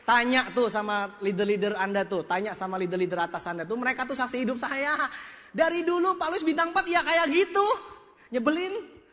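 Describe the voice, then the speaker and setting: A man's voice: extremely high pitch, brisk, bright, forceful tone, some chatter behind. A man with a Jakarta colloquial accent giving a comic, self-mocking motivational seminar talk, acting out voices as he tells his story. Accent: Jakarta colloquial Indonesian. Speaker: motivational speaker. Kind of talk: animated seminar talk to a live audience. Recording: echoey hall with faint noise.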